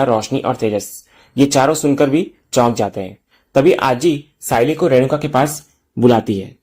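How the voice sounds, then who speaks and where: A man narrates a scripted recap of a TV serial episode at a middle pitch, his tone mellow and rather dark. He tells the story in a steady storytelling manner and speaks straight to viewers as he signs off. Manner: direct viewer sign-off.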